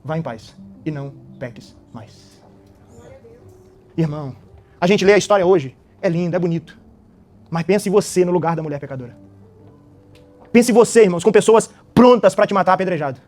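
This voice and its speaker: A man, preaching an animated, dramatic sermon and often tossing out little tag questions. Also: sits high, fairly quick, long pauses, soft background music.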